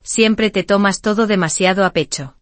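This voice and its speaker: A woman's voice: medium pitch, normal speed, a bit bright, no echo, close to an everyday voice. Breezy, dismissive brother for a storybook read-aloud, voiced by a woman, dry close sound. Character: smug, easygoing younger brother.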